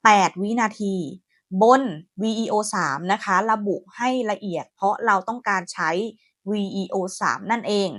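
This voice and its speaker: A woman hosting a software tutorial, chatty and friendly, talking her viewers through each step. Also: medium pitch, normal speed, dry recording, clean studio sound. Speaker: AI tutorial host. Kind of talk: screen-recorded software tutorial.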